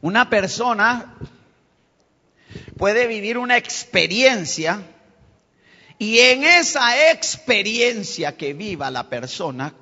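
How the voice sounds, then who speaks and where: A male pastor with a high, bright voice delivers a sermon at a measured, unhurried pace. He talks straight to the congregation and climbs to forceful peaks. The live-streamed sound is dull and lo-fi, with long reverb from a church hall. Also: big pitch swings. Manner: preacher addressing the congregation as brothers, rising to emphatic peaks.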